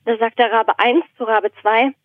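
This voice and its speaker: Over a thin, narrow phone line, a German woman joins a podcast as a guest, chatting casually in a hesitant, thoughtful way. Born in Berlin and raised in southern Germany, she tells anecdotes and a joke in a slightly high, steady voice at normal speed, with no room sound.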